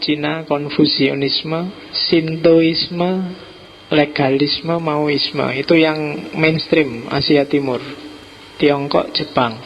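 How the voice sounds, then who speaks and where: Gravelly Javanese-accented man lecturing. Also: fairly high pitch, dull audio, slight background noise. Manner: relaxed, teasing, mixes in Javanese words. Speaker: philosophy lecturer. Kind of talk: informal lecture to a live audience.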